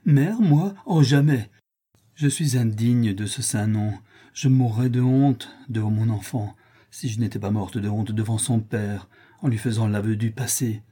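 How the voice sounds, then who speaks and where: A man reading an audiobook, voicing an anguished young woman full of shame, in a higher, pleading tone. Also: fairly even intonation, moderate pace, mellow, breathy edge.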